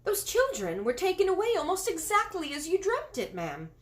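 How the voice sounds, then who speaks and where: A woman voicing a flustered, deferential middle-aged maid who stammers and speaks high and breathless. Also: huge pitch swings, normal speed, a bit bright, exaggerated voice.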